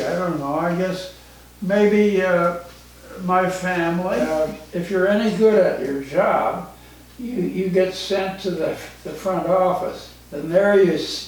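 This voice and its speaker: A very old man of ninety-nine chatting casually with children in a halting, rambling, jocular way. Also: high-pitched, a little mellow. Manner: jocular, chuckles often. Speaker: elderly guest, retired forester. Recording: very echoey room, distant mic, faint noise.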